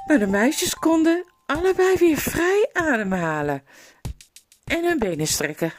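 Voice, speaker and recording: A woman's voice: sits high, big pitch swings, a little slow, faint music behind. A woman reading a children's storybook aloud, telling the story expressively. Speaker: reader.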